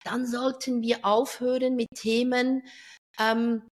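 A middle-aged woman, chatting in an interview about her work as a speaker, lively and talkative and quick to laugh. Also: a little high. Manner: lively and talkative, drifts off topic, laughs often. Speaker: event speaker and finance professional. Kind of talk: casual interview chat.

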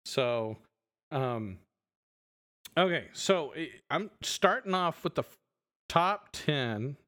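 A man's voice: a little high, slow pace. A middle-aged man co-hosting a podcast, chatting in a loose, rambling way with plenty of fillers. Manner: relaxed, rambling, many fillers. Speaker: podcast co-host. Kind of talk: casual chat.

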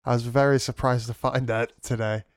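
A man's voice: medium pitch, steady tone, fairly quick, dry recording, clean studio sound. Nasal, congested New guy podcasting. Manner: informal, slangy, sweary. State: stuffed up with a cold. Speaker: podcast host. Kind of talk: casual movie podcast chat.

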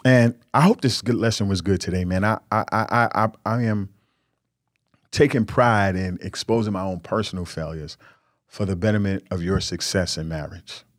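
Earnest low-voiced man giving marriage advice. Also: moderate pace, no room sound, clean studio sound. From New York. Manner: earnest, preachy and candid, with repeated emphatic words. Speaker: podcast host.

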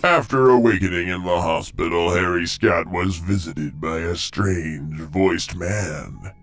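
A man narrating a mystery serial like an old radio drama narrator, with theatrical, deliberate delivery and suspenseful pauses. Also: low voice, fairly bright tone.

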